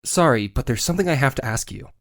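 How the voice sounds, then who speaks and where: A man's voice: medium pitch, lively intonation, fast talker, gravelly. A man playing an earnest, dogged young defense lawyer in a voiced game drama. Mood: determined confrontation. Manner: musing aloud, then pointed and accusatory.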